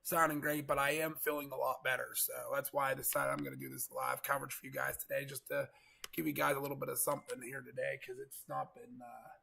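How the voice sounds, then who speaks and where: A man with a gravelly, congested voice from getting over a cold, giving casual, rambling live storm coverage commentary. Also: medium pitch, little pitch movement, quick pace, sharp tone, slight background noise. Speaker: live weather stream host, storm chaser.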